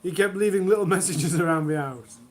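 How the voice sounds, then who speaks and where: Male streamer, high voice, reads bad jokes live from home and groans at them. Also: a little fast. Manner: self-mocking, groans at own jokes. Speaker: livestream host. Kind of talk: reading jokes on a charity livestream.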